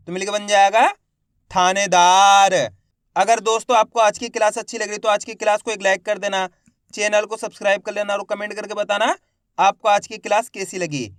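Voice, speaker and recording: Male reading teacher, drawn-out syllable-by-syllable delivery, encouraging tone, crisp close dry recording. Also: high voice, level tone, no echo. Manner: sounds out each syllable loudly, then blends the word; addresses viewers as friends, encouraging. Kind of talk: slow syllable-by-syllable reading lesson.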